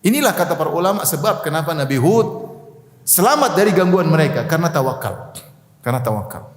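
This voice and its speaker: A man's voice: a little high, very animated, fast. A man giving a religious study lecture, reciting Arabic prayers line by line, translating them and joking with his listeners. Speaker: Islamic preacher. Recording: echoey hall with long reverb.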